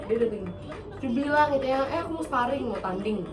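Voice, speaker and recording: High-voiced woman telling a story. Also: brisk, far from the mic. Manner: animated, acts out quotes, laughs often. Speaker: podcast host. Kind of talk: casual storytelling chat. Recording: roomy, off-mic, music behind.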